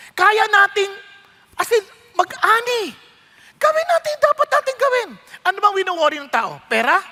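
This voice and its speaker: A male pastor preaching with a very high, bright voice. He tells stories animatedly, acts out the people in them and keeps asking his congregation questions. A long hall echo follows him. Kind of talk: sermon. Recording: echoey hall.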